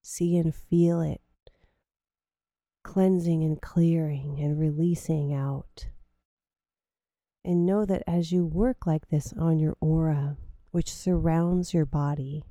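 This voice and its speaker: Slow, soothing low-voiced woman guide. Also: steady tone, warm tone, dry recording, studio quality. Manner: slow, soothing, drawn-out phrasing. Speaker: meditation guide. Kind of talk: guided grounding meditation.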